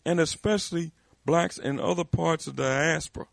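A man with a fairly high, creaky voice speaks at normal speed with fairly even intonation, and there's no room sound. He argues emphatically in a heated discussion, restarting sentences again and again as his intensity builds.

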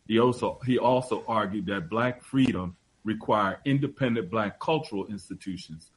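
Low, husky man hosting a discussion. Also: poor audio. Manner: measured, hesitant with many fillers. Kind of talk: discussion, reading quotes.

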